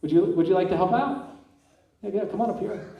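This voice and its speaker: A man's voice: high voice, fairly quick, vocal fry, highs cut off. A man working as a stage hypnotist and host, giving simple repeated instructions and questions to volunteers in a live comedy show. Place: large indoor school stage, echoing. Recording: echoey hall, picked up from far off.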